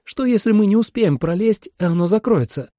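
A man voicing an anxious, sharp young woman hunter. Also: fairly high pitch, moderate pace, no echo, clean studio sound, pitched above the performer's own voice, lightly acted. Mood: worried.

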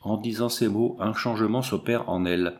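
A man narrating a novel as an audiobook, in a measured, expressive storytelling manner. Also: lowish voice.

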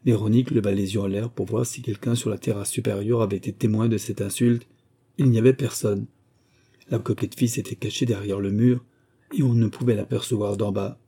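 A man reading a novel aloud in a measured, even narration. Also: on the low side, slightly rough. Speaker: audiobook reader.

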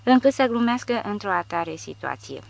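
A woman voicing a gruff skeptical old soldier. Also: medium pitch, big pitch swings, pitched above the performer's own voice. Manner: grumbling, doubtful. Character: gruff older male soldier, cautious and skeptical.

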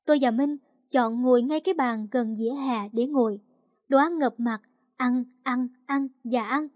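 High-voiced woman narrating a story. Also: moderate pace, darkish tone, dry recording, clean studio sound. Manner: emotional, confiding. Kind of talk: first-person story narration.

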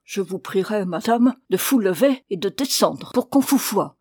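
A woman's voice: on the high side, moderate pace, a little mellow, no room sound, clean studio sound, natural voice. A woman reading the lines of a brusque, violent male Prussian officer in a storybook reading, curt and commanding.

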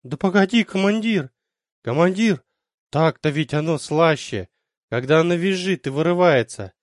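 A man's voice: on the high side, expressive, normal speed, no room sound, studio quality, pitched above the performer's own voice, lightly acted. A man voicing a sleazy, lustful male soldier who wheedles greedily and fawns with an undercurrent of menace. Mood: wheedling.

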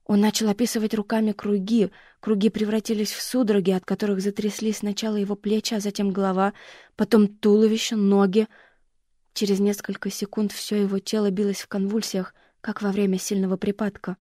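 A woman reads a novel aloud in a husky, mellow voice. Her pitch barely moves and her reading is even and measured. The studio recording is close and dry. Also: no echo. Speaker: audiobook narrator. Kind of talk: scripted audiobook narration.

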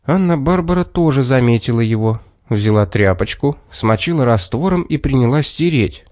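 A man narrating a children's storybook in a measured, expressive reading. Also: mid-range voice, no room sound, clean studio sound.

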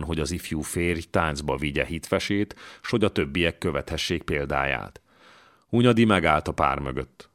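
A man narrates a historical novel as an audiobook in a calm, measured way. His voice is very low and deep, and he keeps an even storytelling pace.

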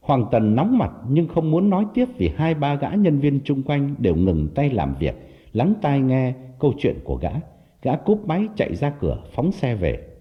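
A man narrating an audiobook ghost story in an expressive storytelling manner. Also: mid-range voice, moderate pace. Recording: slightly dull audio, faint music behind. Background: faint music.

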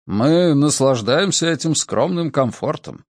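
A man's voice: fairly high pitch, expressive, measured pace, no room sound, studio quality. A man doing a genial doctor host. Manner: genial, hospitable. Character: good-natured male doctor host.

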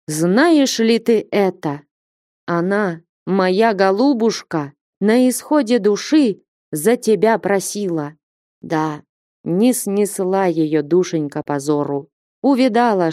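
A woman voicing a stern, grieving old male merchant who scolds and threatens slowly in a storybook reading. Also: medium pitch, mellow, no echo, studio quality, voice pushed up. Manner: reproachful, threatening.

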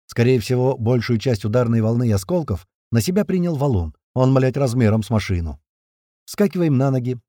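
A man's voice: mid-range voice, big pitch swings, fairly quick, mellow, no echo, clean studio sound. A man narrating a first-person action audiobook in a terse, punchy, slangy manner.

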